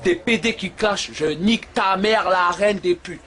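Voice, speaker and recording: High, bright-voiced man ranting aggressively. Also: normal speed, slight background noise. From Algeria. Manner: aggressive, crude, threatening. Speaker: shop owner. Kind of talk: angry rant to camera.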